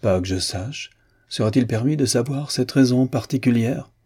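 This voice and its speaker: A man voicing a boastful, reckless young gentleman in an audiobook reading, excitable and brash. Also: mid-range voice, normal speed, breathy edge, pitched above the performer's own voice, lightly acted.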